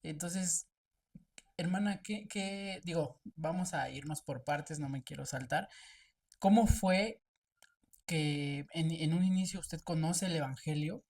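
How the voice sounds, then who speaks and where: A woman hosting an interview, asking her questions in a gentle, hesitant way. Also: deep voice, slow, distant mic. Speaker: interviewer host. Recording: voice heard from off the mic.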